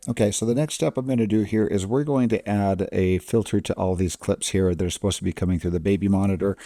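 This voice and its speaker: Low, mellow man giving an editing tutorial. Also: vocal fry, no echo. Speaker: film editing instructor. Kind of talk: casual screen-recorded tutorial narration.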